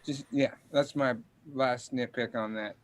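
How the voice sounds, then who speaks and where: A man giving casual musical feedback in halting, tentative phrases during a studio session. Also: medium pitch, steady tone, no echo.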